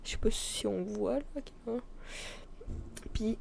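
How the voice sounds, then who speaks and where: Mellow Québécois woman streamer, casual chat. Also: on the high side, takes it slowly, creaky. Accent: Québécois French. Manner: rambling, informal, chatting directly to a viewer. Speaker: video game streamer.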